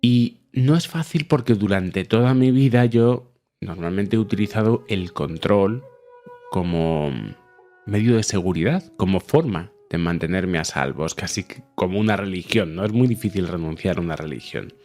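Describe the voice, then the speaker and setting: A deep-voiced man hosts an explanatory podcast about the mind. He talks in an easy, conversational way and keeps tossing short check-in questions to his listeners. A faint bed of music sits underneath. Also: normal speed, a little mellow. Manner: conversational, frequent tag questions. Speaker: podcast host.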